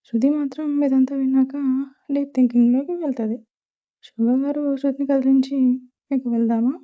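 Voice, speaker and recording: Female storyteller, casual and chatty, slightly high voice, tinny phone-like sound. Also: fairly even intonation, normal speed. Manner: plain, chatty retelling. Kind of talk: casual serial story narration.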